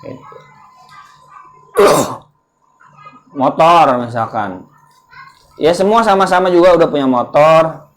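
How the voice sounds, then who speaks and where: A man's voice: a little high, animated, slow, long pauses, faint music behind. A man giving a casual religious lesson at a home gathering, talking in a conversational way and quizzing his listeners with questions. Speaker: ustaz teaching a religious study group.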